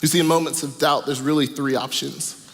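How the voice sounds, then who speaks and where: A man's voice: fairly high pitch, fairly even intonation, brisk, in a large hall, slight background noise. A male pastor preaching a sermon, telling a story earnestly and stressing points through repetition. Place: church auditorium.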